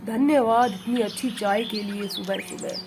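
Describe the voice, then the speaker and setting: A woman voicing a calm, easygoing father doll in a doll play story, relaxed and reassuring. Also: fairly high pitch, normal speed, background noise, natural voice.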